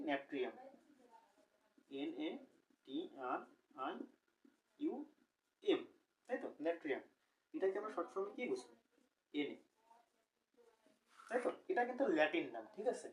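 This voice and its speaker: A young man with a slightly high voice teaches a recorded chemistry lecture, captured from a distance in a low-quality recording with some hiss or hum. He explains step by step, asks the class questions, and corrects himself along the way.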